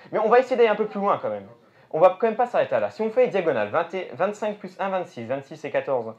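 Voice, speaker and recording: A French stage magician with a slightly high, slightly mellow voice delivers live show patter. He thinks aloud and speaks to the audience. The recording is dull and lo-fi, with music in the background.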